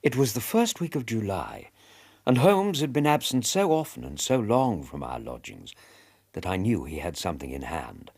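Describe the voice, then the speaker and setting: Doctor Watson, husky, expressive narrator. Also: male voice, on the low side, heavily acted. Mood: wistful reflective. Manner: measured, literary, storytelling. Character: gentlemanly, reflective doctor recounting his friend's cases. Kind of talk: scripted dramatic narration.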